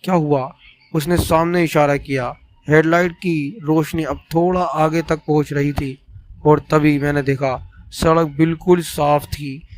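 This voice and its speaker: A man telling a scripted first-person horror story in a steady, suspenseful way. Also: on the high side, no echo.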